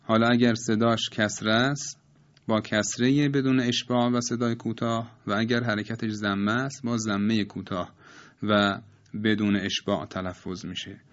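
A man calmly explaining Quran recitation rules step by step, reciting each example slowly and repeating it. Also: lowish voice, dull audio.

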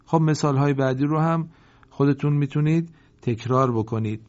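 Man teaching Quran reading, chanting slowly. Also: fairly high pitch, darkish tone, muffled recording. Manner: chants examples slowly word by word, explains in quick asides. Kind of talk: recorded reading lesson with repeat-after-me drills.

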